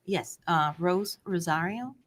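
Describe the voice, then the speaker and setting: A soft-spoken woman born in Cuba, a native Spanish speaker, testifies as a court interpreter. She sounds hesitant, uses many ums, and speaks slowly in a lowish voice.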